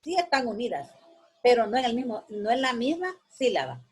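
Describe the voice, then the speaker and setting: A woman teacher giving a slow, explanatory grammar lesson, repeating words and checking in with her students. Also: a little high, sing-song, husky.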